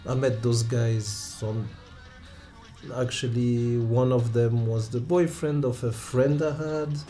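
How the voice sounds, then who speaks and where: A Romanian man in his thirties, speaking English as a second language, tells stories from his life in a relaxed interview. His medium-pitched voice stays fairly even, and he often stops, restarts and laughs along, all over loud music.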